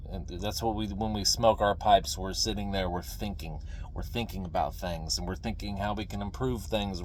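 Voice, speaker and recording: A middle-aged man with a fairly low voice speaks off the cuff in a folksy, opinionated way. He pauses and repeats himself to press a point, over faint background noise. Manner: folksy, opinionated, halting with repeated phrases for emphasis. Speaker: video creator, veteran pipe smoker. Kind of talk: casual rambling talk to camera.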